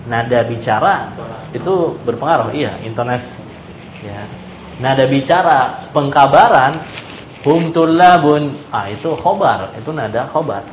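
A man's voice: medium pitch, expressive, a little slow, slight background noise. A man teaching Arabic grammar in a classroom, quizzing his students and stressing points emphatically. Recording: echoey dull room recording.

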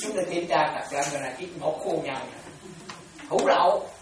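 A woman gives a Buddhist dharma talk in a low voice. She repeats herself and keeps checking whether her listeners are following. She is picked up from a distance in a very echoey room, with faint background ambience. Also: brisk, background noise. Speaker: Buddhist teacher.

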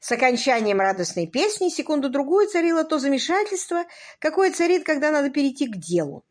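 A woman narrating a comic novel as an audiobook in a lively, playful manner, voicing the characters. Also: high voice, a little fast. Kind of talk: scripted narration with voiced characters.

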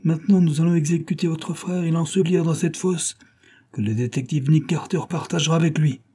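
The cold leader of a secret criminal society, voiced by a male audiobook reader, pronounces his sentences in a raised, solemn voice. His tone is dark and husky, and each line sounds like a verdict. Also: fairly high pitch, steady tone, brisk, voice pushed up. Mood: menacing. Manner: solemn, commanding, menacing. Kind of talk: audiobook character reading.

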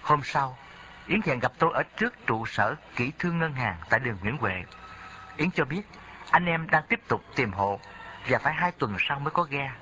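A man's voice: medium pitch, expressive, normal speed, sharp tone, dull audio, a little hiss or hum. A man narrating a memoir in a reflective reading style.

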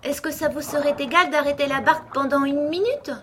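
Woman doing a high, eager little girl. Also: steady tone, brisk, crowd noise, close to an everyday voice. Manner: eager, wondering, high-pitched. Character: curious, polite little girl.

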